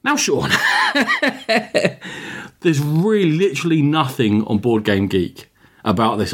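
A man's voice: on the low side, darkish tone. A man co-hosting a casual board game podcast, setting out game details in long running sentences. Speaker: podcast co-host.

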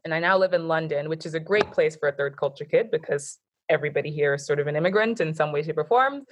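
A woman born in Japan, Nigerian, and raised in the US speaks with an American accent as a guest in a casual conversation, thinking things through with frequent fillers. Her voice is deep and she talks fast, with slight background noise.

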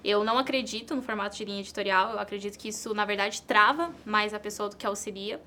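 A woman's voice: medium pitch, steady tone, fast talker, pushed and bright. A woman from Brazil, an entrepreneur and content creator answering interview questions in an earnest way, repeating key phrases for emphasis.

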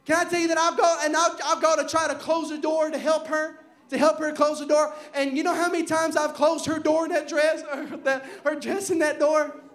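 A young man preaching a fervent Pentecostal sermon, shouting at the peaks while losing his voice. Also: extremely high pitch, little pitch movement, brisk.

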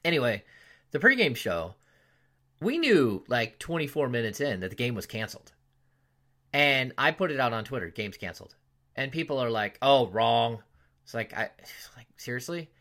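A male sports podcast host in casual conversation, with a mid-range voice that jumps up loudly whenever he quotes fans or announcers. He tells his stories in an animated way. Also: medium pitch, moderate pace. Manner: animated storytelling, loud voices when quoting fans. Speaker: podcast host, team insider.

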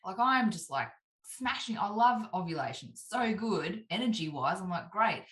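A woman in her thirties talking casually as a guest, lively and full of "like", acting out what people say. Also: mid-range voice, normal speed. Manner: animated, heavy use of "like", acts out quoted voices. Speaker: podcast guest. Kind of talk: casual chat. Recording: roomy echo.

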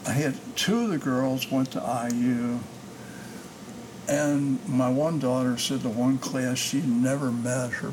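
An older man hosting a podcast interview, talking in a slow, meandering way with many fillers. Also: medium pitch, gravelly. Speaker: podcast host. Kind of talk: casual interview. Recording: noisy background.

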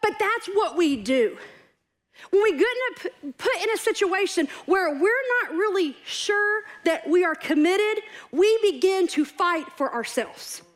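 High-voiced woman preaching. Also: measured pace. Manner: animated storytelling, acts out quoted voices with humor. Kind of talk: sermon.

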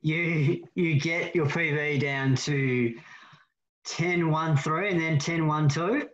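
A man's voice: on the high side, slow, a bit bright. A man interviewing an athlete, easygoing and encouraging. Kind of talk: casual interview talk. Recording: dull, roomy audio.

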